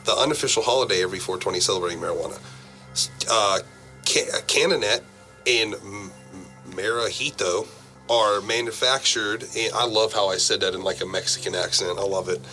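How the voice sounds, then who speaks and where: A man's voice: fairly low pitch, brisk, bright, forceful tone, faint music behind, poor audio. A man co-hosting a casual show, reading news aloud in a laid-back way and tripping over words. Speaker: podcast co-host reading news. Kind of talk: casual chat.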